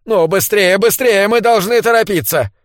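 A man voicing a hunted Englishman, hoarse and shrill, frantic and on the edge of hysteria, in a read-aloud story. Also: moderate pace, no echo, studio quality, natural voice. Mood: frantic panic. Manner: frantic, cursing. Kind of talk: audiobook character voice.

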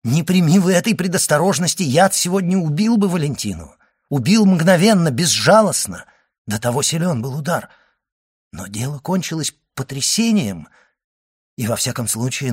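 A man voicing a grave doctor who questions an old man in a low, hushed and urgent voice. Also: animated, moderate pace, husky, no echo, studio quality. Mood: exultant.

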